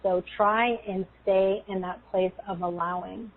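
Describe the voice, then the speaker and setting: A woman speaks as a spiritual meditation guide, soothing and unhurried. Her pitch stays level and her phrases come slowly, with pauses between them. The sound is thin and narrow, like a phone call. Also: fairly even intonation. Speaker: guest energy healer leading a guided meditation. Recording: tinny, phone-like call audio.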